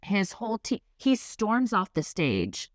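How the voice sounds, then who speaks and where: A middle-aged woman, a guest correspondent, telling animated anecdotes in an interview and acting out quotes. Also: medium pitch, measured pace, dry recording, clean studio sound. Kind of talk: storytelling interview chat.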